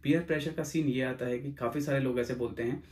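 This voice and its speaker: A young man rattles through his advice at a brisk clip, his voice sitting at an ordinary middle pitch. He hosts his own channel as an exam coach, speaking casually, circling back over his points and dropping English phrases into his talk. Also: steady tone, darkish tone. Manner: rapid, repetitive, mixes English phrases into Hindi. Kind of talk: casual explanatory video talk.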